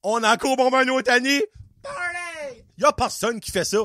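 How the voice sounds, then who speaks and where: A man's voice: very high-pitched, fast talker, pushed and bright, no echo, studio quality. A man with an Acadian French accent hosting a podcast, telling a story as a profane, sarcastic, exasperated rant. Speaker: podcast host. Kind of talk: casual comedic rant.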